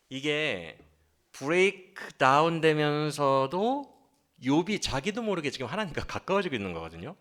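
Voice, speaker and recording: A male pastor preaching a sermon in church, animated and always asking the congregation questions. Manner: acts out quoted pleas with sudden swings in pitch and loudness. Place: church sanctuary.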